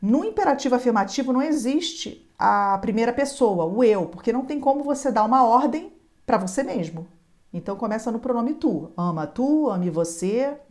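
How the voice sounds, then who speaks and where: A woman gives a grammar lesson in a fairly high voice. She drills conjugations slowly and evenly and repeats key points straight to the viewer. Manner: chants conjugations in slow, even drills. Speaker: Portuguese teacher.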